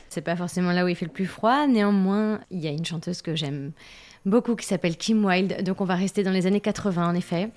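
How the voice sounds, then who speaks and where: A woman's voice: fairly low pitch, brisk, a little mellow. A woman contributing to a radio show, telling a story in a chatty, amused way. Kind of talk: casual on-air chat.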